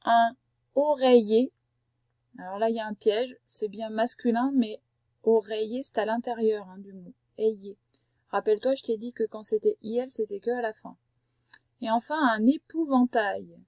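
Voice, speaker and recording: A woman teacher, her voice slightly higher than most, dictates syllables and short words to a young child. She pronounces every sound slowly and distinctly, with patient instructions between them. The recording is close and dry, with no room sound. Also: no echo. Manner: slow, carefully articulated syllables with gentle instructions. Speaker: primary school teacher.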